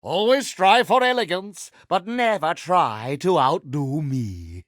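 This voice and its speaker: An actor playing a vain, pompous villainous pirate captain in a video game, speaking with theatrical mock-genteel flourish and pirate slang. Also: male voice, fairly high pitch, expressive, slow pace, fairly bright tone, no echo, clean studio sound. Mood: smug, courtly.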